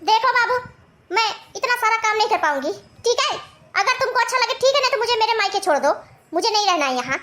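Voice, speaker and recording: A woman's voice: very high-pitched, pushed and bright, full character voice. A woman voicing a stubborn, lazy young city bride in a cartoon, talking back and scolding her husband. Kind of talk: cartoon voice acting.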